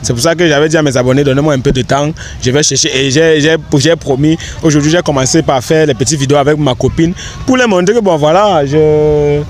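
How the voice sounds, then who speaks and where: A man's voice: on the high side, brisk, hardly any pauses. A young man, answering questions on a park bench in an earnest, rambling way with many restarts. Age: young adult. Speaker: interviewee, content creator. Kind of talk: casual outdoor interview. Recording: faint outdoor street noise.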